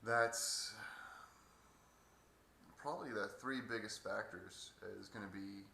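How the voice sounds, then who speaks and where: Gravelly low-voiced man, sore throat after surgery. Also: sharp tone. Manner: halting, hesitant delivery. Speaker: patient vlogger. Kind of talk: casual video update. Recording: echoey room, faint background noise.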